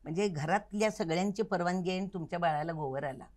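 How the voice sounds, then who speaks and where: An older woman, a Kathak dance teacher, is interviewed in a recording studio. Her voice is on the low side and slightly mellow, she talks fast, and she reflects earnestly and instructively, stressing her key points.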